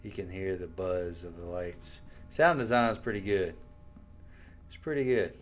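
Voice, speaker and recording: A man casually commenting on a horror game while he plays, relaxed and musing. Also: low voice, unhurried, faint music behind. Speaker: gameplay commentator. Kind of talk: casual let's play commentary.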